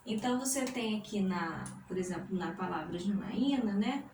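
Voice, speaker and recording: A woman teacher explains a grammar lesson, speaking deliberately and splitting words into syllables. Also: mid-range voice, animated, far from the mic. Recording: roomy echo, voice from the mic, faint noise.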